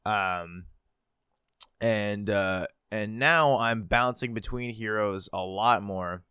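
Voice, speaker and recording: Rambling low-voiced man, smooth and dry. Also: slow, bright, forceful tone, dry recording. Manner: rambling, filler-heavy, laughs at himself. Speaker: podcast co-host. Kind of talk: casual chat.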